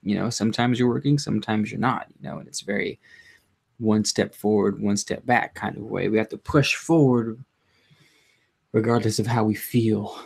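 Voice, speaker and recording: Low-key man with a gravelly, creaky voice. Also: steady tone, a little mellow. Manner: rambling, halting, self-interrupting; low-energy, subdued. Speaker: livestream host. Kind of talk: casual live chat to viewers.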